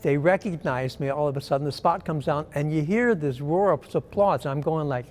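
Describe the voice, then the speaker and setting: Older guy telling a funny story on a video call, kinda high voice, faint music under it. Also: moderate pace. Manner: animated storyteller, lots of "um" fillers. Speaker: former artistic director of a ballet company. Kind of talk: casual anecdote in a conversation.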